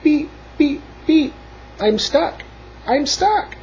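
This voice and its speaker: Little Blue: a man doing a squeaky little truck. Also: lively intonation, extremely slow, a little mellow, dull audio, a little hiss or hum, exaggerated voice. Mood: panicked. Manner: high squeaky beeping voice. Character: small cheerful friendly blue pickup truck.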